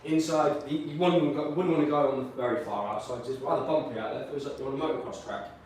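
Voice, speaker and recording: Born in South Wales and raised in Peterborough, a racer serving as guest commentator talks through the track in a rambling, upbeat style. His medium-pitched, slightly mellow voice is fast, and he's off-mic in an echoey room with distant pickup and a bit of hiss or hum.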